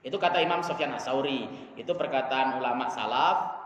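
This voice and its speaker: A male Islamic preacher giving a lively sermon, talking animatedly and chanting Arabic quotations now and then. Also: brisk. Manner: animated, acts out quoted dialogue with big swings in pitch and volume. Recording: echoey hall, dull lo-fi sound, faint hiss.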